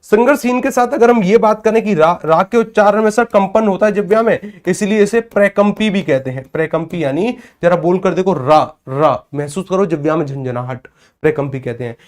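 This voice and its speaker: A man's voice: high-pitched, fairly quick, darkish tone. A man teaching an exam-prep class, who asks his own questions, answers them, and repeats the key terms. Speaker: Hindi teacher.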